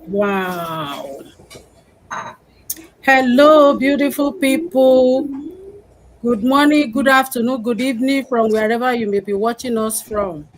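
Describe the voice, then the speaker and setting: A woman's voice: a little high, takes it slowly, pauses often, rough recording. A woman from Nigeria, hosting a live-stream talk with upbeat, welcoming greetings. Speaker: host of a live panel.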